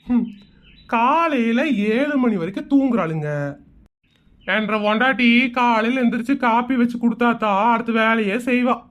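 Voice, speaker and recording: A woman's voice: on the high side, normal speed, close to an everyday voice. A woman doing a smug Kongu husband. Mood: scoffing. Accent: Kongu Tamil. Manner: scoffing, dismissive. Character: smug middle-aged village husband, dismissive. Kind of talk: comic cartoon voice acting.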